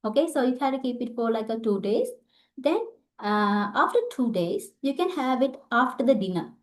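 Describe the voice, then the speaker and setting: A woman with a Sri Lankan accent and a somewhat high voice teaches in an informal way. She speaks haltingly, as a doctor explaining her field to listeners. She often checks in with little tag words as she goes. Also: expressive. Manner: halting, checking in with "right?" and "okay". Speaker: Ayurvedic doctor giving a talk. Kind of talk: informal instructional online talk.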